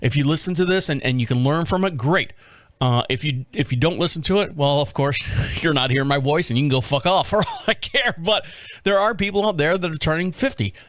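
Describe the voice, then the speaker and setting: Man, 50s, podcast host doing a rambling, self-mocking solo talk, slightly high voice, dry close sound. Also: a little fast, fairly bright tone, no room sound. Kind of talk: casual solo monologue.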